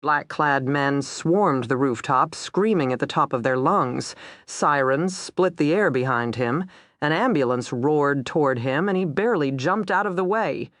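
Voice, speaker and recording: A woman narrating a dark crime thriller audiobook, tense and steady, voicing every character herself. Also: deep voice, measured pace, dry recording, studio quality.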